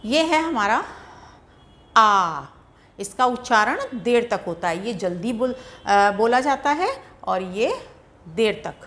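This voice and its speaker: A woman teaching grammar in a patient, deliberate way, sounding out syllables one by one. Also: fairly high pitch, very animated. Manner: patient, repeats syllables slowly and drawn out for pronunciation. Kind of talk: slow, deliberate classroom explanation.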